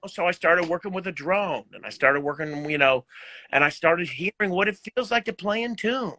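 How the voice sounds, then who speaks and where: A man's voice: high voice, moderate pace, no echo. A middle-aged man, a guest musician, telling stories in a casual live video chat and laughing often. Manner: animated, laughing storyteller.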